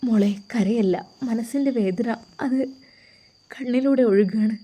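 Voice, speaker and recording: A woman voices a devout, loving older mother who offers tender, sorrowful advice. Her tone is warm and mellow, slightly high, and unhurried, like something from an audio storybook.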